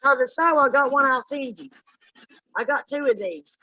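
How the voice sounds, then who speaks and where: A woman's voice: sits high, normal speed, sharp tone, slightly rough, no room sound, highs cut off. A woman hosting a live paranormal session in casual chat, putting questions directly to spirits and viewers.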